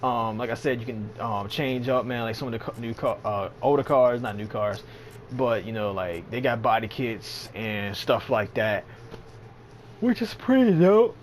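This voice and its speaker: A man's voice: fairly low pitch, steady tone, moderate pace, slight background noise. A man giving casual, rambling commentary on a game update, sleepy and yawning, with lots of fillers and slang. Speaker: gaming channel host.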